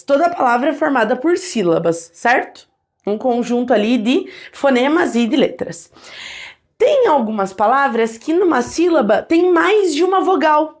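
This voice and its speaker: High-voiced woman teaching grammar. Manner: lively, addresses viewers directly, models sounds aloud. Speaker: Portuguese teacher. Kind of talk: online grammar lesson.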